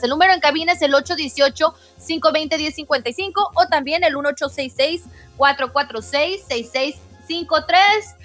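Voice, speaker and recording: A woman, co-hosting a radio show and chatting in lively slang. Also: high-pitched. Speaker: radio co-host. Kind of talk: radio comedy chat.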